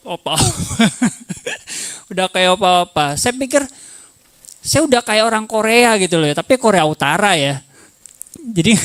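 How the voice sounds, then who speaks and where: A man's voice: sits high, fairly bright tone, no room sound. A man preaching at a church conference, joking and acting out quoted spouses in a raised voice. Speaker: pastor. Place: church hall.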